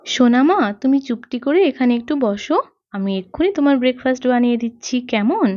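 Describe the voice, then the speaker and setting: Woman playing a fussing young mother, high-voiced. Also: lively intonation, fast talker, mellow, no echo. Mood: caring. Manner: fussing, motherly, talks to herself. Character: young mother, caring and easily frightened. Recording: dull lo-fi dry recording.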